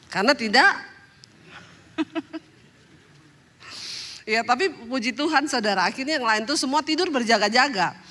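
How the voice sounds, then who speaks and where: A woman pastor from Indonesia giving a sermon, telling humorous stories and acting out quotes in a lively way. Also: on the high side. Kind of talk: sermon storytelling.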